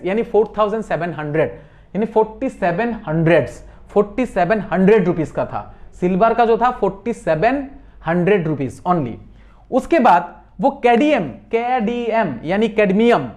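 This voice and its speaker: Man teaching with memory tricks. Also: sits high. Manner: repeats points and checks understanding. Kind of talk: classroom lesson with memory tricks.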